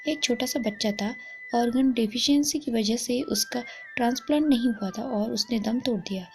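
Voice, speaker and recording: A woman's voice: a little high, normal speed, gravelly, faint music behind. A woman voicing an older father, a worried heart doctor, speaking in a heavy, subdued way.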